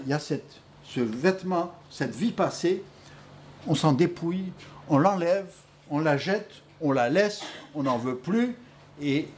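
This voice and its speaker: A man preaching a sermon, telling stories in an animated way with many hesitations. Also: on the high side, a little hiss or hum.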